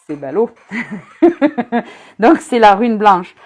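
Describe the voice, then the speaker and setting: A woman with a fairly low voice gives a casual rune reading on a live stream. She is chatty and teasing and speaks straight to her viewers. She pauses often on hesitant fillers. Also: darkish tone. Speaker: rune reader.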